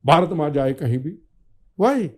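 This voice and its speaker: An older man talks with heat and fire, building each point through insistent repetition. His voice sits high for a man. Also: big pitch swings, unhurried. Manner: fiery, declamatory, repetitive rhetoric. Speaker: podcast guest, former minister. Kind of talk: impassioned political talk.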